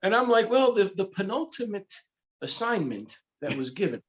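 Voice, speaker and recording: A middle-aged comic book publisher from the Bronx, New York, whose first language is Spanish, appears as a guest in a casual interview. His voice sits high and is very animated at a moderate pace, and he laughs as he tells his stories.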